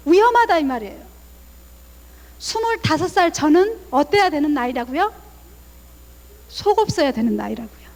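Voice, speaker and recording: A woman in her thirties, a family counselor giving a lively guest lecture to a church audience, acting out parents' words as she talks. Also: high-pitched, long reverb tail. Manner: animated, acts out parents' lines in quoted voices. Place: church hall.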